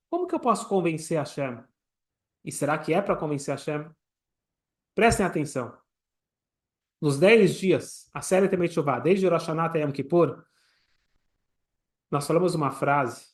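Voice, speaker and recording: A man, a rabbi, giving a teaching sermon with everyday examples and soft asides. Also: fairly high pitch.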